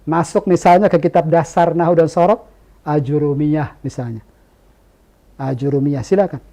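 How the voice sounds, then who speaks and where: A man with a fairly high voice, a native Indonesian speaker, teaching an Arabic lesson to a class. He talks in a lively, emphatic way and throws questions at the room, then answers them himself. He leans hard on the key words. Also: normal speed. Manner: animated, stresses key words. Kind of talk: classroom lecture.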